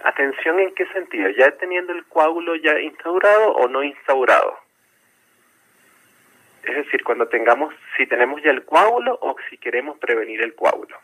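Doctor guy on the radio, bright voice, patient, says things twice so you get it. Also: fairly high pitch, lively intonation, moderate pace, rough recording. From not from Chile. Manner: patient, explanatory, repeats himself to be clear. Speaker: medical doctor guest. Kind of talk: explaining to a radio host. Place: radio interview.

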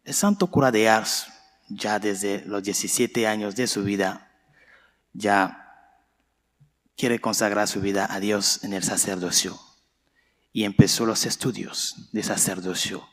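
A man who is a priest, reading the gospel and preaching a homily in a slow, measured, solemn way, heard with a cathedral echo. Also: on the low side, steady tone. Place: large church. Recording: long church reverb.

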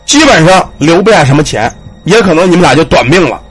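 A man voicing a weary old village herbal doctor who keeps the local temple, speaking gravely and slowly. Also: a little high, big pitch swings, faint music behind. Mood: warning.

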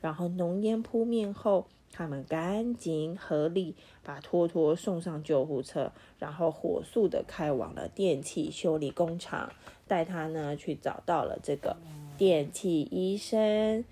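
Mellow-voiced woman reading a picture book aloud. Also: lowish voice, a little slow, slightly rough. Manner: animated, acts out sound effects and quizzes the child. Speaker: parent reading to her child.

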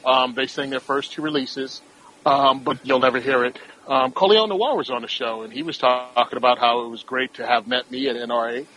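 Guy with a bright sharp voice, cracking jokes, exaggerating, faint hiss behind. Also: mid-range voice, fairly quick, low-quality recording. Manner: joking, exaggerated storytelling. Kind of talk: casual podcast chat.

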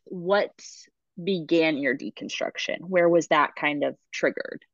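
A woman's voice: deep voice, measured pace, no echo. A woman podcast host asking questions in a casual interview, hedging her words with lots of fillers. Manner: searching, hedging phrasing with many fillers. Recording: dull, dry lo-fi audio.

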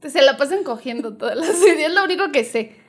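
A young woman with a Mexican accent, chatting casually and throwing in quick jokes. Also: high voice, expressive, crowd noise. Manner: quick, joking interjections. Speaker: podcast co-host. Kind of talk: casual chat.

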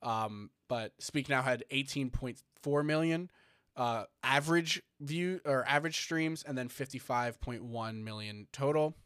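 A man's voice: medium pitch, measured pace, fairly bright tone, clean tone, no room sound, clean studio sound. A man co-hosting a casual chat show, rambling with lots of fillers and restarts as he reads out figures. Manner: rambling, many fillers and restarts, reading numbers. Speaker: podcast co-host.

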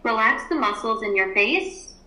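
A woman teacher leading a calm guided grounding and breathing exercise, giving soothing, unhurried instructions with long pauses. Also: fairly high pitch. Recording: roomy, echoey indoor sound.

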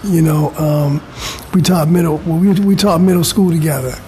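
A middle-aged Californian man chats casually as an interview guest, his voice a little high and warm, moving at a moderate pace. He's informal and conversational, often dropping "you know" and "man." The low-quality recording carries faint background noise.

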